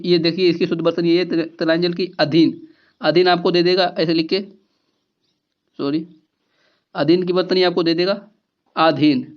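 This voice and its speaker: A man's voice: on the high side, muffled recording. A man teaching a grammar lesson for exam preparation, explaining step by step and repeating key words with rhetorical questions.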